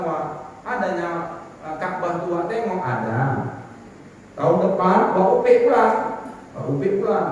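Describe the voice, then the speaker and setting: A man preaching in a mosque with a North Sumatran Malay accent, lively and joking, recorded from a distance in an echoey hall. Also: high voice, slight background noise. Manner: lively, joking, mimics voices. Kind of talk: religious lecture. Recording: echoey hall, far from mic.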